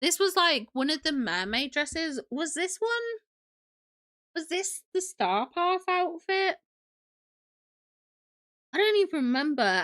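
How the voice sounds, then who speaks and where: Young female streamer, slightly high and very lively, sniffly with a cold, chatty and gushing. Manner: gushing and chatty, greeting viewers, squealing with delight. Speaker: livestream host. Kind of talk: casual livestream chat.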